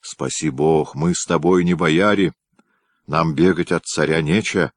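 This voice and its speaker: A man voicing rough, common palace guards in a read-aloud historical story, with folksy peasant talk in a raised voice. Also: a bass voice, fairly even intonation, measured pace, no room sound. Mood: grumbling. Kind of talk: audiobook reading.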